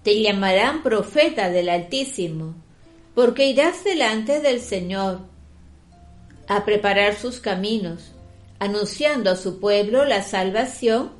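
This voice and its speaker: A woman giving the responses in a liturgical prayer, solemn, measured and devotional. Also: medium pitch, expressive, faint music behind.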